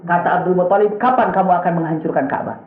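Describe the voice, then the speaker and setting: A man's voice: quick pace, a crowd in the background. A man preaching a storytelling sermon, acting out the characters with a raised voice and frequent chuckles. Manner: animated, acts out characters with raised pitch, chuckles often. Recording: echoey room on a tinny phone-like line.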